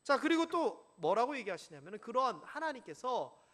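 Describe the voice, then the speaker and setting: A man's voice: extremely high pitch, brisk. A male pastor preaching a sermon in a church, questioning the congregation and acting out stories. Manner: animated, asks the congregation questions, acts out stories. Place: church sanctuary.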